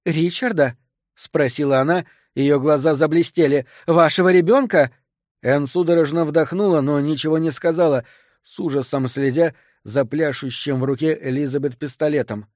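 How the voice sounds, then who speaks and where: A man narrating an audiobook in the first person at a steady, measured pace. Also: fairly high pitch, dry recording, studio quality.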